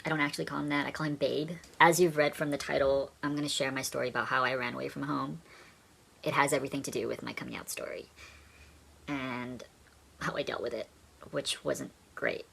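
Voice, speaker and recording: A man's voice: mid-range voice, flat delivery, fairly quick, vocal fry, a bit bright, a little hiss or hum. A young man from Indonesia earnestly telling his personal story to camera as a vlogger.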